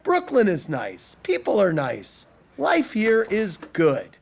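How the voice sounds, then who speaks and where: An exasperated devil bellows his complaints in a raised, lively voice, as a male storyteller puts him on. He swings between indignant outbursts and dry, weary asides. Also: sits high, slow, gravelly, breathy edge, full character voice. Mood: wry. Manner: exasperated, shouting. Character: the devil, frustrated male ruler of hell.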